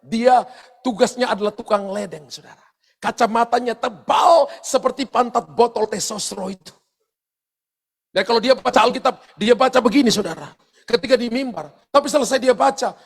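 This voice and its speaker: A man with a strikingly high voice preaches a sermon as pastor at a church service. He speaks directly and often to the congregation, acting out stories in an animated way with big, loud exclamations.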